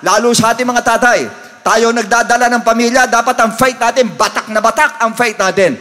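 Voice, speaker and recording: A man preaching a sermon as pastor, reading scripture and rising to shouts to stir the congregation. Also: very high voice, fairly even intonation, fairly quick, big-room sound, faint music behind.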